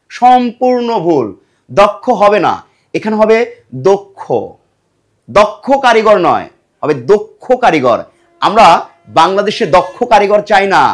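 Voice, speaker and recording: A middle-aged man teaching a grammar lesson for exam preparation, asking the class questions and answering them himself, and repeating words to drill them. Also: high voice. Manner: lively, emphatic delivery.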